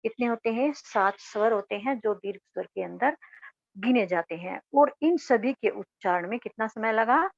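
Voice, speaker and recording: A woman's voice: fairly high pitch, lively intonation, moderate pace, gravelly, no echo. A woman teacher giving a grammar lesson, asking her class questions and answering them herself. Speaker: school teacher. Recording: dull, dry lo-fi recording.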